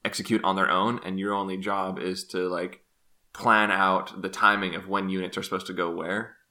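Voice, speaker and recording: Low-voiced man in casual podcast chat. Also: level tone, normal speed, bright, forceful tone. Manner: laughs often, explains with "like". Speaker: podcast co-host.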